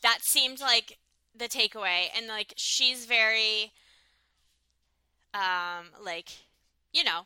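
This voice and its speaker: A young woman with a bright, crisp voice talks through a reality show in casual podcast chat. She gets fired up and acts out what people said. The sound is dry and close. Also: a little high, slow, long pauses, dry recording. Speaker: podcast co-host.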